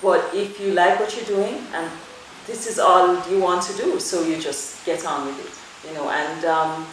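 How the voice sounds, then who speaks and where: A middle-aged woman from Jamaica, a dermatologist, answers interview questions in a low voice. She talks in a measured, thoughtful way, pausing on fillers. The recording sounds strongly echoey, with faint noise behind her. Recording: very echoey room with faint ambience.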